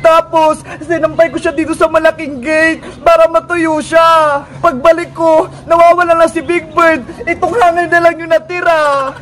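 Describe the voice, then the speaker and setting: A woman's voice: extremely high pitch, level tone, moderate pace, few pauses, fairly bright tone. A woman voicing a crybaby little girl who whines and sobs over her lost toy, over background music. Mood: tearful whiny. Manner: whiny, sobbing complaints.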